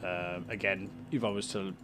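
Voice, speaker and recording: A man's voice: sits low, steady tone, moderate pace, music in the background. A British man hosting a let's play, casually explaining a game's menus and items with frequent ums and uhs. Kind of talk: casual game commentary.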